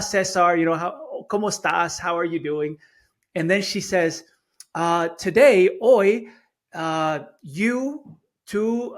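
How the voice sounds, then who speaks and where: As a podcast guest, a middle-aged man raised in Chile, whose first language was Spanish, tells a personal story in an interview. He speaks earnestly in a voice a little high for a man and a bit bright, often repeating a word or two as he starts a phrase.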